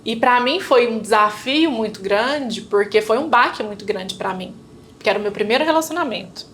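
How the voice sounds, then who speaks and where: A woman's voice: on the high side, animated, moderate pace, fairly bright tone, slight background noise. A woman with a Brazilian Portuguese accent, a guest telling her own story in casual chat and acting out remembered conversations. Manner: storytelling, acting out remembered dialogue, frequent tag questions. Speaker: interview guest. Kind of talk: personal testimony in casual chat.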